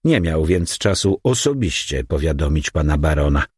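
A modest young man speaking politely to his superior, as a male audiobook reader voices him. The voice stays deep and slightly husky. It is close to the reader's own delivery. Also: expressive, moderate pace, darkish tone, no echo, full character voice. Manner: polite, deferential.

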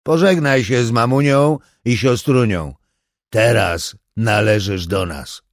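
A man's voice: mid-range voice, no room sound, clean studio sound, close to an everyday voice. A man voicing a cruel, taunting armed burglar. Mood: menacing. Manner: taunting, slow threatening delivery. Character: brutal armed male burglar, mocking and cruel.

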